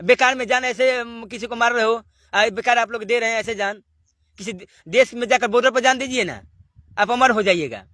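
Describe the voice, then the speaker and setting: A man's voice: extremely high pitch, brisk, bright, forceful tone, no echo. A man giving a devotional sermon, exhorting listeners and firing off rhetorical questions. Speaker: spiritual preacher.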